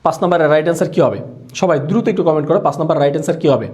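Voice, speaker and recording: A man runs a live online exam-prep class. His voice sits high, mellow and dark in tone, and he talks quickly, repeating each question again and again and pressing viewers to comment. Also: lively intonation. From Bangladesh. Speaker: Bangla teacher for admission exams.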